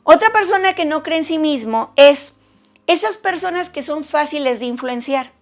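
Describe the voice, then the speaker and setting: A woman giving a conversational sermon to women, animated and talkative, acting out the voices of people she quotes. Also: sits high, normal speed.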